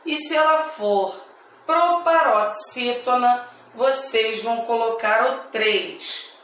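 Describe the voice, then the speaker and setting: A woman teacher with a Brazilian accent giving a grammar lesson to children, speaking slowly and deliberately and repeating each word. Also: on the high side, fairly bright tone, far from the mic. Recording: echoey room, voice away from mic.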